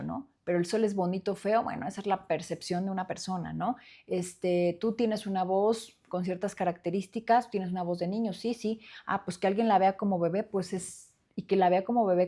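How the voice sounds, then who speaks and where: Earnest mom with a mellow voice. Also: female voice, mid-range voice. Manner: earnest, reflective, with many fillers and restarts. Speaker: podcast host. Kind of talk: solo podcast talk. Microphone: studio microphone.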